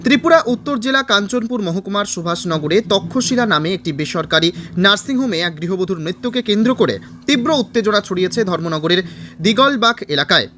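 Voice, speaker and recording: A man with a fairly high voice reads a local news report. His delivery is formal and even, a scripted voice-over. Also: a little fast.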